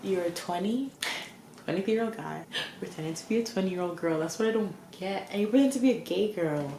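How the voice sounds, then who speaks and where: A woman's voice: medium pitch, a little fast, dark tone, slight background noise. A young woman telling a storytime vlog in a casual, exasperated rant full of restarts. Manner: exasperated, ranting, many likes and restarts. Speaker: vlogger. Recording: echoey room with faint ambience.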